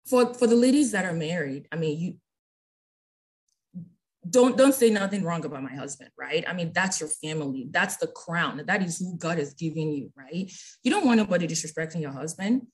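A woman with a somewhat low voice teaches scripture in a relaxed, conversational way. She keeps checking in with her listeners with a quick "right?", heard over a group call. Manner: chatty, ends phrases with "right?". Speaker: bible study leader.

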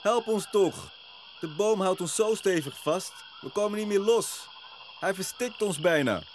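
Brief: a man playing three scared young yogis in a cartoon, high, loud, frantic cries. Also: animated, unhurried, a little hiss or hum. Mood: panicked. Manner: shrill, frantic shouting. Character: three panicked young male yogis crying out in chorus. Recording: nature ambience with crickets and frogs.

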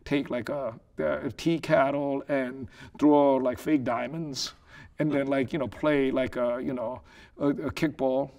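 A man's voice: mid-range voice, fairly even intonation, unhurried, vocal fry, a little mellow. A man in his forties from South Korea, a business owner recalling his life as a guest in an interview, talking thoughtfully with lots of "you know" and "like". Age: 40s. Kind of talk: casual interview. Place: living room set.

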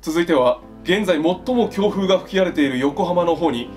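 Guy playing young male newsreader, kinda high voice, earnest n polite, spoof news, music behind. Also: animated, normal speed. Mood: formal, composed. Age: young adult. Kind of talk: parody news reading.

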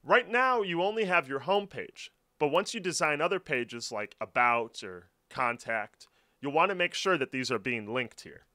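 A man with a bright, fairly high voice gives clear step-by-step instructions. His pitch moves around a lot, and he keeps a steady, scripted walkthrough delivery. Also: moderate pace. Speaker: tutorial narrator. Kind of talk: scripted screen-recording walkthrough. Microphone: voice-over.

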